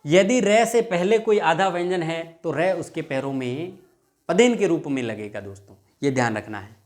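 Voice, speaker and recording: A man teaching a Hindi grammar lesson for exam prep, explaining patiently, repeating words slowly and asking his students questions. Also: on the high side, expressive, darkish tone. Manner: dictates rules word by word.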